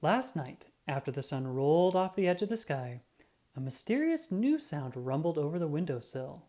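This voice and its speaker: Speaking at normal speed in a mid-range voice, the narrator plays a pompous cat detective while reading a children's picture book. The delivery is expressive and dramatic, complete with performed sound effects.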